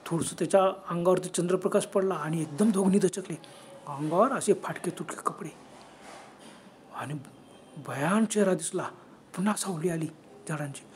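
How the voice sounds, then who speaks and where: High-voiced man telling a horror story. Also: a little hiss or hum. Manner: dramatic, drops to whispers at scary moments. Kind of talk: oral horror story narration.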